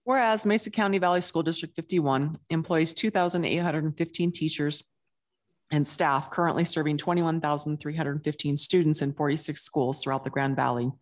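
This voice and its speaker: A woman with a low voice reads a formal proclamation aloud in a council chamber. She is steady and even, taking each clause in turn. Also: a little fast. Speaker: council member.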